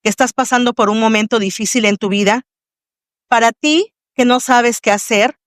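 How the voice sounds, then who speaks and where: A woman with a Mexican accent hosts a faith testimony podcast. She speaks in a fairly high voice with a devout, welcoming manner. The sound is dry and close. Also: moderate pace, no echo. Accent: Mexican Spanish. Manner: warm, devout welcoming address to the audience. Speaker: podcast host.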